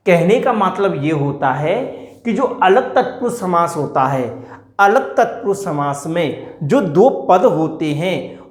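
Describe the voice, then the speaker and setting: Slow, deliberate male teacher in an echoey room. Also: sits high. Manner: slow, drawn-out repetition of example words; asks and answers his own questions. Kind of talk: classroom grammar lecture.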